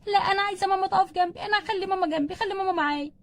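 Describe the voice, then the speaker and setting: A woman with an Egyptian Arabic accent voicing a young doll mother in labor, high and pleading. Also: rapid-fire. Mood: clingy begging.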